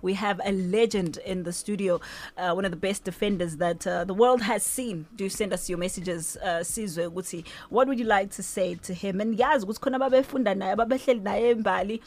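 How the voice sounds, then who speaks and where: South African woman hosting radio, mid-pitched. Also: a little fast, a little mellow. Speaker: radio host. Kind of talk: casual live radio presenting.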